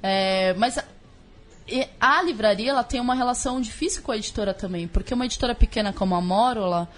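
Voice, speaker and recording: A woman's voice: a little high, fast, soft background music. A middle-aged Brazilian woman, a guest author, talking casually and candidly in colloquial, sweary speech while sick with a sore throat. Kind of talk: casual conversational interview.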